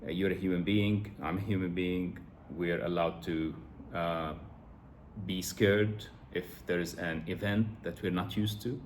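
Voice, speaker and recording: A man's voice: low-pitched, fairly even intonation, unhurried, a little hiss or hum. A middle-aged man from Lebanon talking to camera in a reflective, earnest way, with frequent fillers and restarts. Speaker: vlogger. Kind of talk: casual to-camera monologue.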